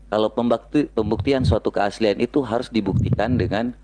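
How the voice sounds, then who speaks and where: A man in an online debate, reasoning in a measured, calm way. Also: fairly low pitch, a little hiss or hum.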